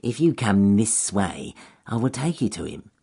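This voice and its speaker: A man's voice: on the low side, big pitch swings, gravelly, dark tone, slightly rough, full character voice. A man drawling as a sneaky, hissing weasel. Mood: sly. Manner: slow, sly, hissing through teeth. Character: sneaky lying male weasel.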